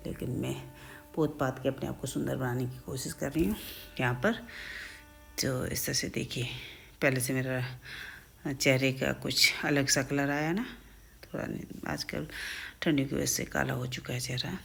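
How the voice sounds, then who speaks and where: A woman's voice: very deep voice, creaky. A middle-aged woman vlogging in a casual, chatty way, narrating each step as it happens. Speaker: family vlogger.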